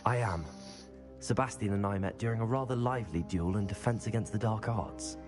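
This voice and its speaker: A man's voice: fairly low pitch, fairly quick, over music, natural voice. A man voicing a polite young wizard. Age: young adult. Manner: polite, curious. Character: polite young male fifth-year wizard. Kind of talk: video game dialogue.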